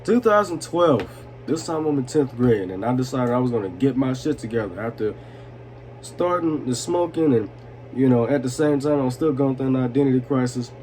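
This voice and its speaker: A man's voice: medium pitch, fairly quick. A man in his twenties telling personal stories in a casual, profane, slangy way, tipsy and rambling with chuckles. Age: 20s. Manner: slangy, repeats "you know what I'm saying". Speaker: storytelling vlogger. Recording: noisy room with steady background noise.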